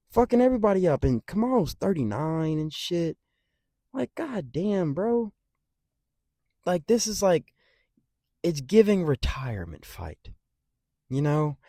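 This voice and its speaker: A man hosting a casual fight-prediction rant, rambling and swearing freely, with big jumps in loudness. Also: a little high, no echo, clean studio sound. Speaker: MMA commentary channel host.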